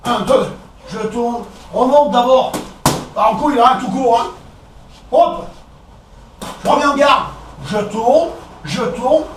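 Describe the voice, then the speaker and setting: A man with a French accent coaching a boxing session, counting out combinations and calling out punches in short, brisk commands. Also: extremely high pitch. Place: echoey boxing gym. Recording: echoey gym, distant camera, background noise.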